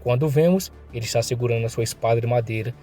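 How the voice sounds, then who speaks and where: A man's voice: medium pitch, fast, warm tone, faint music behind. A man narrating a comic recap in a casual, slangy storytelling manner.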